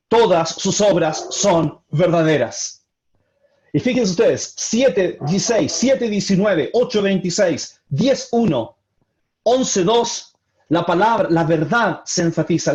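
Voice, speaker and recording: A man's voice: sits high, darkish tone. A man leading a Bible study, explaining scripture in an earnest way and often repeating or restarting his phrases. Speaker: Bible teacher. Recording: dull lo-fi audio.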